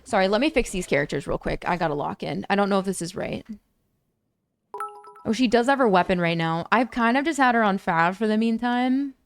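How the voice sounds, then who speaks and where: At a brisk, smooth clip, a young woman chats with her stream audience while gaming, squealing with excitement as she thanks people for donations. Her voice sounds a bit low and worn from hours of talking.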